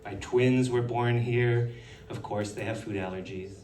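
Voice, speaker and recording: A mid-range, slightly mellow male voice runs through a stand-up set at a measured pace, intonation fairly even and the humor dryly sarcastic. He is on stage in a hall, captured from afar in a roomy space with slight background noise.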